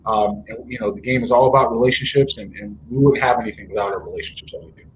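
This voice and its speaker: A man's voice: fairly low pitch, racing, a little hiss or hum, low-quality recording. A man being interviewed, talking earnestly with many fillers and restarts as he tells stories and acts out quoted dialogue. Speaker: interview guest, baseball executive. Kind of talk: casual interview storytelling.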